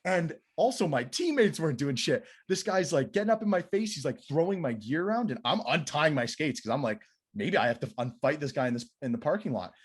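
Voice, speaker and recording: A man, a goalie coach telling a story as a podcast guest, animated and swearing freely, his voice rising when he acts out quotes. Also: on the high side, fairly quick, slightly rough.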